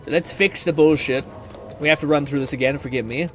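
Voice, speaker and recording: A man's voice: on the high side, brisk, faint music behind. A man doing casual live game commentary as a streamer, thinking aloud in an informal, sweary way.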